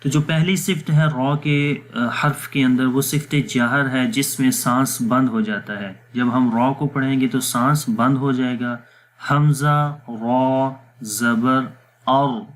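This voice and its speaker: A man teaching Quran letter pronunciation in a patient, step-by-step voice-over lesson, with slow, drawn-out demonstration syllables. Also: medium pitch. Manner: patient step-by-step explaining, mixes English words, pauses with fillers. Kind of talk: explanatory lesson with recitation drills.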